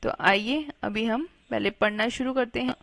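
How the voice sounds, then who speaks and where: A woman's voice: fairly high pitch, moderate pace, vocal fry, fairly bright tone, dry recording. A woman teacher giving a children's Hindi reading lesson, patiently spelling each word out syllable by syllable.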